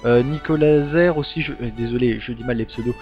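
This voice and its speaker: A man's voice: medium pitch, brisk. A man giving a casual update to his gaming channel's subscribers, rambling with many ums and restarts. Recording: dull lo-fi sound with faint music.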